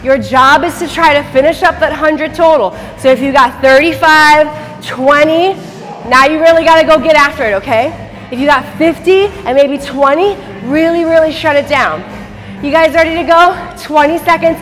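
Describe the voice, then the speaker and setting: A woman with a high voice leads an energetic exercise class. She barks short, urgent commands like a gym coach, pushing people on. The sound rings around a large studio, with faint music behind her. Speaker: fitness instructor. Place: large empty dance studio, indoors. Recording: echoey studio hall, distant mic, faint music.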